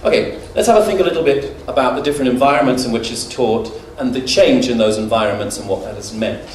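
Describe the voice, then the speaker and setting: A man's voice: mid-range voice, fast. A middle-aged man from the UK giving a conference lecture, conversational and humorous, with anecdotes and filler words. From United Kingdom. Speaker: conference speaker. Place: conference hall. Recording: echoey hall, mic far off, faint noise.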